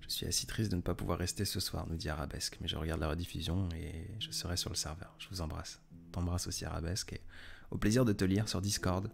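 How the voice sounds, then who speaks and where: A man hosting a casual live stream, reading viewers' messages aloud and answering in a soft, hesitant way with many fillers. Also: deep voice, fairly even intonation, quick pace, vocal fry. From France.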